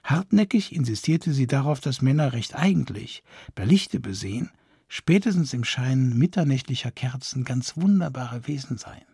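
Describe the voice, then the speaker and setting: A male narrator tells a satirical story in a wry, ornate manner. His voice is strongly gravelly and very husky, recorded close and completely dry. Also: medium pitch, lively intonation, moderate pace, dark tone, no room sound. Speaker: audiobook narrator. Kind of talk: scripted narration of a satirical historical novel.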